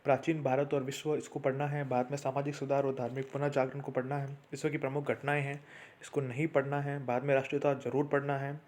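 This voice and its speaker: Man, exam tutor, steady listing delivery, flat, dark tone. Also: mid-range voice, fast talker. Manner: steady list-like delivery, addresses viewers as friends. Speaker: exam prep teacher. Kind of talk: exam syllabus walkthrough.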